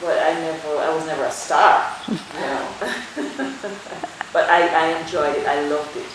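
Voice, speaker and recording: In a very echoey room with faint ambience behind her, a middle-aged Jamaican dermatologist answers interview questions. Her voice is low and her tone steady, and she speaks in a measured, thoughtful way, pausing on fillers.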